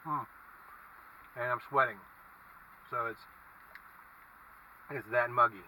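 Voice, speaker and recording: A man talks through a casual food review in a very bright, edgy voice. He muses haltingly between bites inside a car. The mic sits at a distance, and faint traffic noise runs underneath. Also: mid-range voice, steady tone. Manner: halting, musing. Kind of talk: casual vlog review, talking while eating. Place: inside a parked car with windows down.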